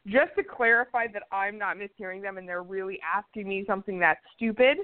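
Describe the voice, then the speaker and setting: A woman's voice: mid-range voice, brisk. A woman co-hosting a podcast in casual chat, telling stories in a blunt, sarcastic way. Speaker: podcast co-host. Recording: tinny phone-like line.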